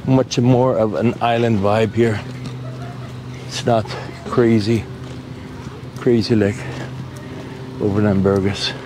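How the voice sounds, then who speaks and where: A man in his forties talks casually to viewers as a travel vlogger, walking outdoors through sunny island streets with a handheld camera. He repeats himself and tosses out relaxed asides. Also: lowish voice, slow, pauses often. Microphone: action camera held at arm's length while walking. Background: street and vehicle noise.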